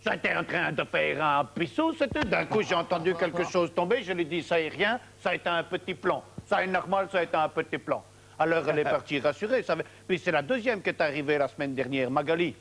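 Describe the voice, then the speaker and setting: A man's voice: a little high, lively intonation, fast, creaky, a bit bright, slight background noise. An actor playing a hapless father, telling a long rambling story in a TV comedy sketch. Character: bumbling hapless father, middle-aged man.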